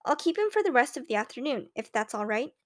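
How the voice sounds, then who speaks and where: A woman's voice: sits high, sing-song, fast talker. A woman voicing a kindly, businesslike older woman who helps out at a school and talks in a friendly, practical way.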